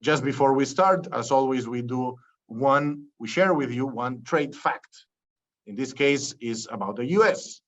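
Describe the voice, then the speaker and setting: A man's voice: mid-range voice, unhurried, a bit bright. Man hosting a trade interview show. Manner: enumerating, with frequent restarts. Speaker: podcast host. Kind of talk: hosted interview introduction. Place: Peru.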